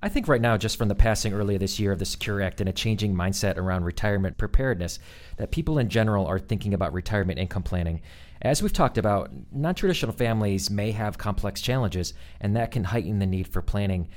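A man's voice: lowish voice, lively intonation, fast talker, darkish tone. A man hosting and moderating a professional podcast discussion. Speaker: podcast host.

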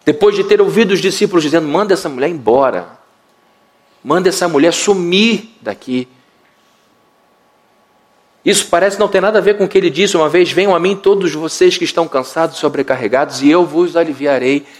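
Brazilian pastor preaching, dramatic delivery. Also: male voice, on the high side, fairly even intonation, racing, few pauses. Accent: Brazilian Portuguese. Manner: dramatic storytelling, acts out quotes. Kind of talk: sermon.

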